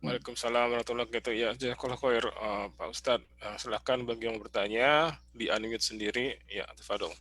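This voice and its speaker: A man hosting an online lecture, quickly handing the floor to questioners. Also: medium pitch, a bit bright, a little hiss or hum. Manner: quick, brisk moderating. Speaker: host and moderator. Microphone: video call.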